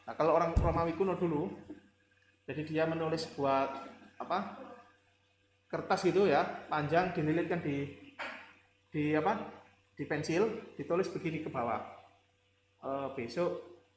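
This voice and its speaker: A man's voice: fairly high pitch, moderate pace, long pauses. Man lecturing casually in an echoey room. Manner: conversational, rambling with fillers and rhetorical questions. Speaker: university lecturer. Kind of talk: classroom lecture. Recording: echoey room with faint ambient noise.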